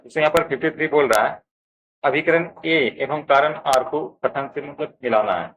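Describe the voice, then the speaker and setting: A slightly high-voiced man with a Bihari Hindi accent talks at normal speed over dull audio with a little hiss or hum. In his answer key walkthrough, he addresses viewers as friends and steadily explains each option in turn.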